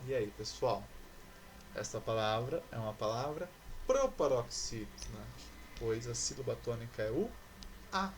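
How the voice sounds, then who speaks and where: A man teaching a recorded class, patient and explanatory, who slowly draws out each word as he works through its syllables. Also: mid-range voice, slight background noise. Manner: patient and explanatory, stretching out words as he spells syllables. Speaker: school teacher.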